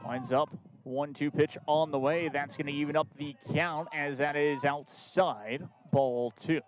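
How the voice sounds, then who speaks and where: A man's voice: fairly high pitch, steady tone, unhurried. A man calling live baseball play-by-play outdoors at the game, in short clipped phrases, often repeating the count. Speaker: play-by-play commentator.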